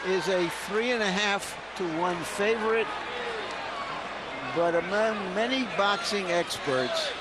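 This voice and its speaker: A man delivers pre-fight commentary at a slow pace, pausing deliberately between phrases. His voice is high, and a roaring arena crowd fills the space behind him. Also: very noisy. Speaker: boxing broadcast commentator.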